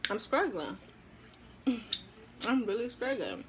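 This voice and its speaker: A woman's voice: on the high side, very animated, takes it slowly, a little hiss or hum. A woman in her thirties chatting casually on a mukbang vlog, laid-back and laughing often, her voice muffled behind her hand. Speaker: mukbang vlogger. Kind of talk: casual chat while eating.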